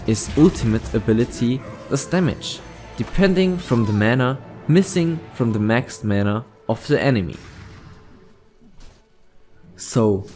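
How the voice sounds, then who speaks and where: A man's voice: medium pitch, darkish tone. A man reading scripted explainer narration for a gaming documentary. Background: faint music.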